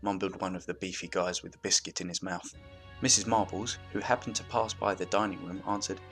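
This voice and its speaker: Low bright-toned male storyteller. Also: fairly even intonation, brisk, soft background music. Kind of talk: scripted story narration.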